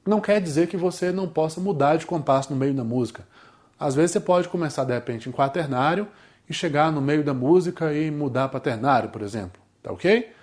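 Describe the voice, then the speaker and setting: A man's voice: on the high side, fairly quick, darkish tone. A man with a Brazilian Portuguese accent teaching a music theory lesson, explaining step by step and often checking in with his students.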